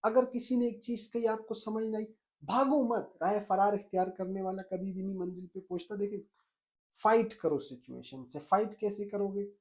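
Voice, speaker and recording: A man giving a spoken language lesson, earnestly explaining and repeating key phrases slowly to his students. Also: high-pitched, darkish tone. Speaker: language teacher.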